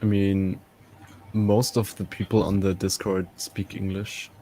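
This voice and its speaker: Man, low voice, very slow, halting, careful explaining, casual chat. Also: level tone, mellow, slight background noise. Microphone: microphone through an audio interface.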